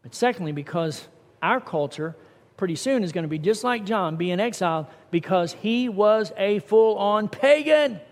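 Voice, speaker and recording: A man's voice: sits high, moderate pace. A middle-aged man preaching a sermon as pastor, earnest and conversational with rising emphasis. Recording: long hall reverb.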